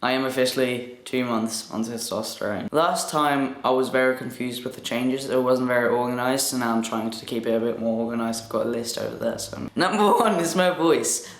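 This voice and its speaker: A man's voice: mid-range voice, fairly quick, hardly any pauses. A man chatting casually to camera as a vlogger, upbeat and laughing often, his voice cracking now and then. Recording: echoey room.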